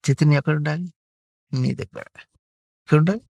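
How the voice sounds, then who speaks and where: A man's voice: fairly high pitch, moderate pace, creaky, darkish tone, dry recording, highs cut off. A man giving spiritual instruction to a child, repeating himself and asking questions emphatically. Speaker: spiritual teacher.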